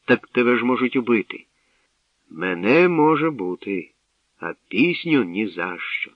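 A man voicing a wise old bard who speaks in measured, sage-like sayings, in a tinny, distant radio recording. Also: medium pitch, very animated, no echo, voice pushed up. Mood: grave. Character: wise old male bard, calm and sly.

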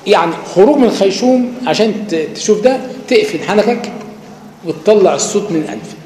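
Egyptian male teacher, higher-pitched, warm tone, casual lecture recorded in a reverberant hall. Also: expressive, fast. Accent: Egyptian Arabic. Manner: colloquial, explains with everyday examples and demonstrates sounds. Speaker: Quran recitation teacher. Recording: echoey hall with faint background hum.

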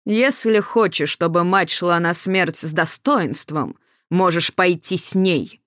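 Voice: mid-range voice, a bit bright, no echo, studio quality. A narrator doing a sneering Nazi officer. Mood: mocking. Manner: slow, sneering, drawn out. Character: cruel mocking male Nazi officer.

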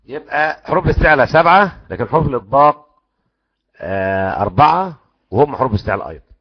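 An Egyptian man teaches Quran recitation and drills each sound aloud for his class. His voice is gravelly, and the recording sounds dull and muffled. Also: medium pitch, fast. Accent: Egyptian Arabic. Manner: animated, demonstrates sounds repeatedly, asks the class questions. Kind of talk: lecture on tajweed rules.

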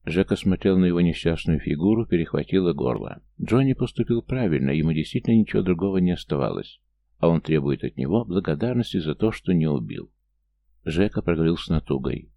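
A man reading a story aloud as audiobook narrator, steady and measured. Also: low-pitched, vocal fry, dull audio. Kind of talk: scripted narration.

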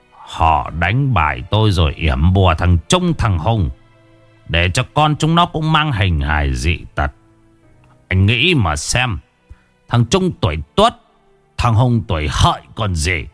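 A man voicing a calm, weary older village sorcerer who speaks in a measured, lecturing way. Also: sits low, exaggerated voice.

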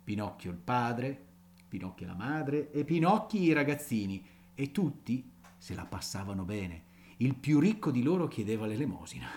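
A man's voice: mid-range voice, sing-song, normal speed, a little mellow, a little hiss or hum, lightly acted. A man voicing a poor, fretful and tender old woodcarver in a storybook reading. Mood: musing. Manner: muttering, scolding, then sorrowful.

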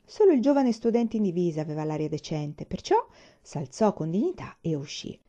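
Female audiobook reader, measured and expressive, dark mellow tone, dull lo-fi sound. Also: lowish voice. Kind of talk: literary audiobook reading. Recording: dull lo-fi recording.

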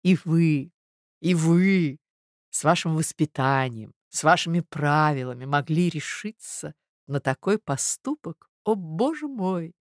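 A woman reading aloud and voicing a scheming society lady who speaks in a painfully soft, reproachful voice. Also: sits low, animated, unhurried, no room sound, studio quality. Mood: softly sly.

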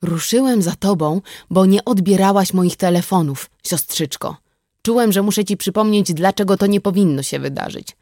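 A stern, protective older brother who barks his words with cold command, read by a woman in an audiobook. The voice is pushed a touch higher and louder than the reader's own lowish tone. The room is dry and close. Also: a little fast, dry recording, natural voice. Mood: cold, firm. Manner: shouting, then hard and clipped. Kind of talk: audiobook reading.

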